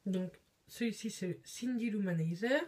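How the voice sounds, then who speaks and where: A woman's voice: medium pitch, moderate pace, a little mellow, slight background noise. A woman chatting casually on camera in a beauty haul vlog, with lots of hesitations. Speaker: beauty vlogger.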